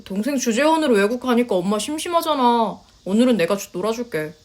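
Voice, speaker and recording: A blunt young husband played by a woman in a narrated story, talking matter-of-factly in a lowered voice. He sounds sure of himself and brushes worries aside. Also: lively intonation, quick pace, a little mellow, close to an everyday voice. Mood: casual. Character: young adult Korean husband, blunt and self-assured. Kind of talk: storytelling voice acting.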